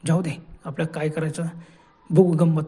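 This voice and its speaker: A man voicing a calm, watchful man on a night train, speaking low and urging restraint in a horror story. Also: normal speed, husky. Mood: hushed, cautious.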